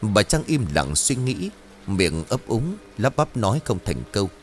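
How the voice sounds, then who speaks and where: Expressive low-voiced male storyteller. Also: unhurried, slight background noise. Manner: expressive, dramatic reading. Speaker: narrator.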